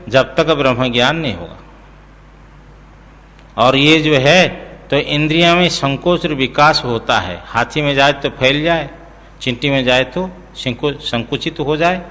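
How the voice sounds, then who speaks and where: A man as a spiritual teacher, giving a scripture discourse in a slow, explanatory way, chanting verses and checking that listeners follow. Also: on the high side, fairly bright tone, in a large hall.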